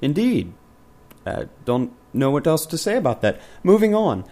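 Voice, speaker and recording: Dry, sarcastic man with very animated pitch. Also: moderate pace. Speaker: interviewer and host. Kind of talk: deadpan comic mock interview.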